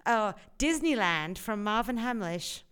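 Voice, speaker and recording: A woman's voice: mid-range voice, unhurried, smooth. A woman in her forties from Australia with an Australian accent, a musical theatre performer telling stories in a casual interview, with simple non-native phrasing. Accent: Australian English. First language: English. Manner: lively storyteller, laughs often, simple non-native phrasing.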